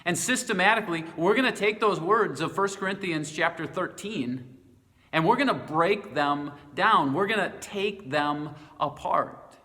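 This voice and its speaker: A man's voice: high voice, lively intonation, a little slow, pushed and bright. A middle-aged male pastor giving a short devotional talk, earnest and personal with light self-deprecating humor. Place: church sanctuary. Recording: long reverb from a large room.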